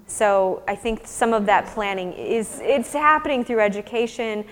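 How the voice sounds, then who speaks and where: An American woman researcher presents her fieldwork in an academic talk, then answers audience questions informally, thoughtful and explanatory in her phrasing. Her voice is fairly high-pitched at a moderate pace. The recording carries long hall reverb.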